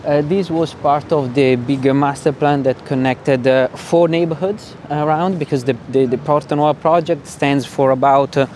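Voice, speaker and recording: A man's voice: on the high side, fairly even intonation, a little mellow. A man with an Italian accent giving hesitant, spontaneous interview answers outdoors. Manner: hesitant, halting delivery. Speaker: sustainability officer being interviewed. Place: outdoors in a city, walking. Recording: outdoor street with traffic noise.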